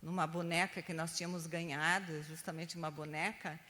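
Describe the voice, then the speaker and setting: A woman's voice: low-pitched, little pitch movement, normal speed, sharp tone. Older lady teaching sunday school teachers, talks chatty w lots of "right?", long echo in the room. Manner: chatty, keeps adding "né?" tags. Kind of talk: teaching a training class with storytelling.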